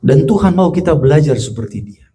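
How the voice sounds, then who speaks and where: Husky-voiced preacher man. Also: animated, a little fast. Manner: swings between loud preaching and hushed low storytelling; asks the congregation questions. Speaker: pastor. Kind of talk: sermon. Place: church.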